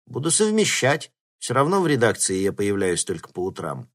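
Excitable teen boy in an audiobook, prone to slow, shrill shrieks. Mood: casual. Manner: shrieking in drawn-out panic. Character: excitable teenage boy, easily panicked. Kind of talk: audiobook reading.

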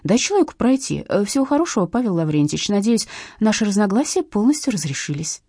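A woman's voice: medium pitch, sing-song, dark tone, breathy edge, dry recording. A woman voicing an indignant, tired heroine who flares up easily. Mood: exasperated. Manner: exasperated, quick to flare up.

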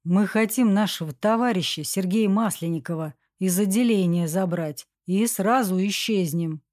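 A woman's voice: medium pitch, moderate pace, a little mellow, no room sound, clean studio sound, lightly acted. A woman voicing an indignant young man who argues back defensively. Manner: defensive, grumbling.

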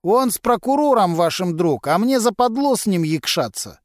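In an audiobook, a man voices a cocky male mechanic, raising his pitch above his natural voice to sound high and expressive. He delivers brash, mocking lines packed with thieves' slang at a moderate pace. The recording is clean studio sound with no room tone.

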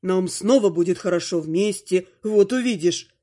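A woman voicing a calm, doting, oblivious immortal elf husband in an audiobook, speaking slowly and soothingly in a lowered voice. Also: close to an everyday voice. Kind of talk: audiobook character voice.

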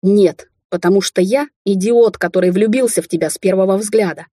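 A woman's voice: medium pitch, fairly quick, mellow, breathy edge, dry recording, studio quality, close to an everyday voice. A woman reading the lines of a hot-tempered young Chinese man, a rich heir, in an audiobook. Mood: angry.

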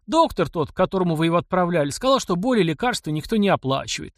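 A man's voice: fairly high pitch, sing-song, fairly quick, a bit bright, no echo, clean studio sound, voice pushed up. A man reading the part of a destitute old male servant who speaks in a plaintive, folksy, old-fashioned way. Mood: tearful lament.

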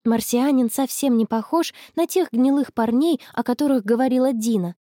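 A woman voicing a dreamy, stubborn teenage schoolgirl in love, in a storybook, soft and a little touchy. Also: a little high, moderate pace, no echo, clean studio sound, close to an everyday voice.

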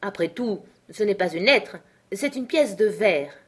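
A woman's voice: medium pitch, animated, husky. A woman voicing a fussy, respectful male rabbit courtier in a storybook reading, in a raised, eager voice. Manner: deferential, quick, fussy.

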